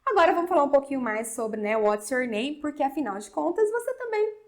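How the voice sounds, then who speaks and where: A woman from Brazil teaching an English lesson. She spells letters slowly, speeds up when she explains, and keeps checking in with her students. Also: high voice, sing-song. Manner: slow spelling drills with frequent "tá?" check-ins. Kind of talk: video lesson.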